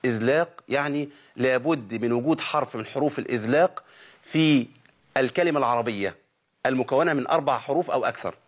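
A man's voice: medium pitch, quick pace. A man with an Egyptian Arabic accent teaching Quran recitation in a recorded lesson. He poses questions and answers them himself, and models sounds for learners to repeat.

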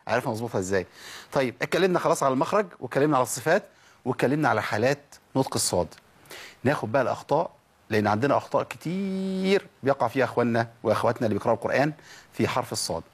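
A man with an Egyptian accent teaching Quran recitation, asking questions and answering them himself, and stretching out example syllables slowly. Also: mid-range voice, animated, husky. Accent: Egyptian Arabic. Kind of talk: tajweed lesson.

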